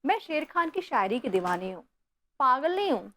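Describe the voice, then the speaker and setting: A woman's voice: high voice, sing-song, normal speed, fairly bright tone, exaggerated voice. An actress playing a refined, dramatic modern wife who drawls and mixes English into her Hindi. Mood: wistful.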